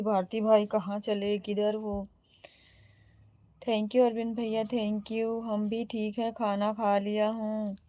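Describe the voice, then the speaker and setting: Woman streamer, Awadhi accent, higher voice, slow chatty delivery reading comments aloud. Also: warm tone, dry recording. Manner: chatty, greets and answers viewers one by one. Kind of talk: casual livestream chat.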